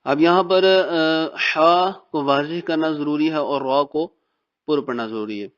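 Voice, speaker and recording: A man from Pakistan teaching Quran reading in a recorded lesson, patiently explaining and drilling letter sounds slowly. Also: a little high, a bit bright. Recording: dull, muffled recording.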